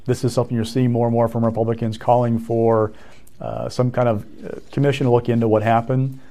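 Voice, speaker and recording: A man's voice: medium pitch, level tone, fairly quick, warm tone. A male political reporter giving analysis on a talk show, explaining plainly and speeding up through lists.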